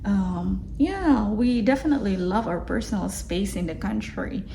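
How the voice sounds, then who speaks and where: A young adult Filipina vlogger with a Filipino accent chats casually and reflectively, laughing easily and piling on fillers and restarts. Her mid-range voice is animated and mellow with vocal fry and a moderate pace, captured on a low-quality recording with a little hiss or hum.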